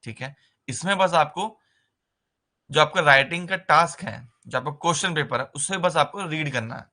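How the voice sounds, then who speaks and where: A man teaching a nursing writing-exam lesson in a conversational way, often pausing with a filler and mixing terms into his speech. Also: a little high, sharp tone. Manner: conversational, repeats "ठीक है" as a filler, mixes English terms into Hindi. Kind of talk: explaining exam basics in a recorded lesson.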